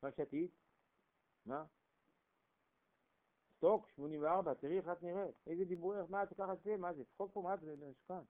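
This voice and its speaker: A man preaching voices an old priest, scolding in low, muttered questions. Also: long pauses, natural voice. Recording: tinny phone-like recording.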